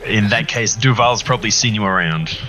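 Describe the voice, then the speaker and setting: A man playing a tabletop game, describing his character in a relaxed way. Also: on the low side, a little fast, faint music behind. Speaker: player. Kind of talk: casual tabletop play.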